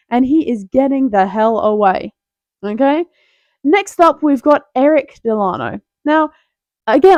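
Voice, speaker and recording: A young woman hosting a tier list video keeps up playful, self-interrupting chatter in casual, rambling commentary. Her voice is high-pitched and a little mellow, recorded close, dry, and lo-fi with no room sound.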